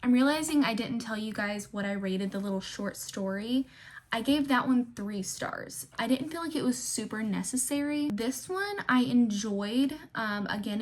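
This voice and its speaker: A woman with a fairly high voice gives a casual book review to camera. Her speech has a slight lisp, as she is talking with a retainer in. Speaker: book vlogger.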